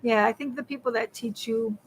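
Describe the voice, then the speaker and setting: A young woman co-hosting a casual live stream, answering slowly and searching for her words with many ums and likes. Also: on the high side, steady tone, slight background noise, rough recording. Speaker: co-host of a witchcraft live stream.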